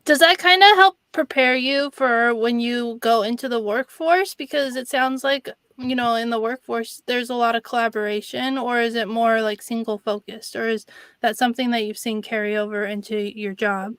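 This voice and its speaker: Woman, fairly high pitch, smooth clear tone, casual interviewer, conversational. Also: steady tone, normal speed, a bit bright, no echo. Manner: conversational, frequent "like" as filler. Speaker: interviewer, host.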